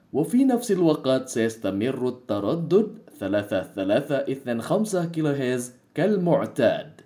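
Mellow, lively-pitched male announcer in formal Arabic. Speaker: radio announcer.

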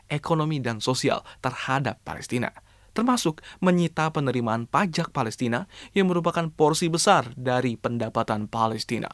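A man's voice: mid-range voice, no echo. A man with an Indonesian accent presenting scripted radio news in a formal announcer delivery, stressing the openings of phrases. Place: radio studio.

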